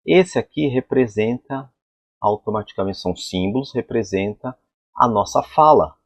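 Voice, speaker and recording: A man's voice: medium pitch, expressive, moderate pace, no echo. A man teaching an English pronunciation lesson at a board, explaining sounds and asking the class rhetorical questions. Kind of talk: whiteboard phonetics lesson.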